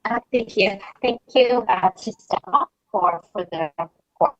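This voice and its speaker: A woman's voice: medium pitch, takes it slowly, no echo. Woman, school board trustee, choppy breaking-up call connection, dull lo-fi dry sound, hesitant with fillers. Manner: hesitant, many fillers and restarts. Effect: choppy, breaking-up remote call connection. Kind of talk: public board meeting remarks. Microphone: remote video call.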